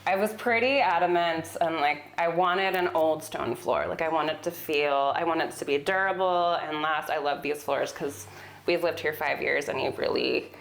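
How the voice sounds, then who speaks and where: Speaking at a moderate pace in a low, gravelly voice, a Sonoma County, California woman chats informally, telling stories as an interior designer interviewed on a home tour. The room inside the home gives the recording a roomy echo.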